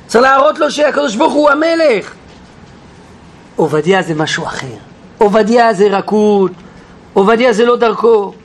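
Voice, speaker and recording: High-voiced man teaching a lively Bible class. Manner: animated, questions the class, acts out quotes. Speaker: Torah teacher.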